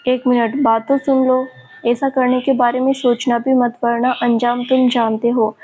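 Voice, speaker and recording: A woman's voice: a little high, level tone, normal speed, mellow, slight background noise, natural voice. A woman voicing a taunting, leering male villain who has escaped from an asylum, in her own narrating voice. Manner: mocking and leering.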